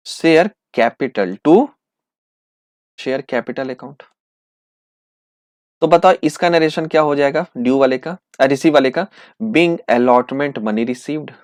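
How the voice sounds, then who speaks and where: A man teaching accountancy in with terms, asking questions and answering them himself, slowing right down to dictate entries. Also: fairly high pitch, dry recording, clean studio sound. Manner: lively, asks and answers his own questions, slows to dictate entries. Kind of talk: classroom lecture acting out students' replies.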